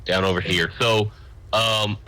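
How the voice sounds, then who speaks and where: A man running a tabletop game as game master, halting with frequent ums before reading out descriptions. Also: lowish voice, steady tone, sharp tone, no room sound. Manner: halting, lots of ums when improvising.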